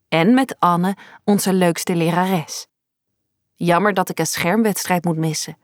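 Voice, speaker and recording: A woman reading a youth novel aloud in the first person, in an even, measured way. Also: lowish voice, no room sound, clean studio sound. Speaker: audiobook narrator. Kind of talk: first-person storybook narration.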